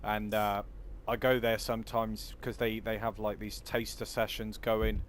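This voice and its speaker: A man's voice: fairly low pitch, flat delivery, measured pace. A man from Cornwall with a Cornish accent, chatting in an easygoing, rambling way as he livestreams a game. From Cornwall, southwest England. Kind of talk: casual chat over gameplay. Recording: clear background vehicle noise.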